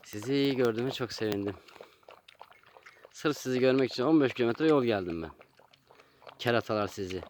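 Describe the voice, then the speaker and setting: A man's voice: medium pitch, a little fast, pauses often, a little mellow, slight background noise. A man talking casually to his animals in a doting, coaxing way, scolding them playfully. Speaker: vlogger with pets.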